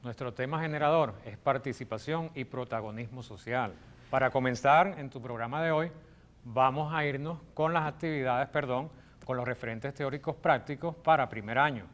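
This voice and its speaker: A man's voice: medium pitch, normal speed. A man with a Venezuelan accent, teaching a televised classroom lesson from a studio with an electronic whiteboard. He explains step by step and often checks in with "ok?".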